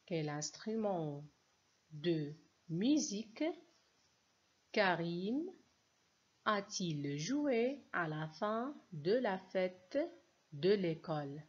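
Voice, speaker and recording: A woman teacher speaks very slowly and patiently, spelling out sounds and syllables for young learners. Her voice sits a little low, and the recording is dull and lo-fi. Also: expressive, slightly rough. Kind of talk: slow, clear reading lesson for children.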